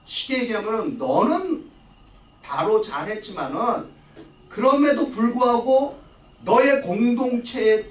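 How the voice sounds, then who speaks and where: A man's voice: very high voice, expressive, measured pace, recorded from a distance. Korean man teaching Bible class, echoey room. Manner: asks the class questions and answers them himself. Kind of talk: church Bible study lecture. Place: church classroom.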